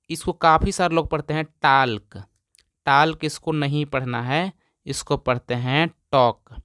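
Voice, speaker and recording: Guy teaching english reading, spells letters one by one, repeats words, crisp and dry. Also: mid-range voice, a bit bright, no echo. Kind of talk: phonics lesson.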